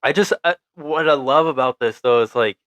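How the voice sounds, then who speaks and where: Smooth-voiced man on a podcast. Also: mid-range voice, moderate pace, fairly bright tone, no echo. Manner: enthusiastic, rambling, laughs easily. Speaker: podcast co-host. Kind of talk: casual movie review chat.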